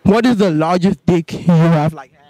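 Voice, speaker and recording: A man's voice: a little high, moderate pace, mellow, no room sound, rough recording. A young man asking playful questions in a street interview outdoors at night, holding a handheld mic, often laughing. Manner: playful, laughing, repeats "all right".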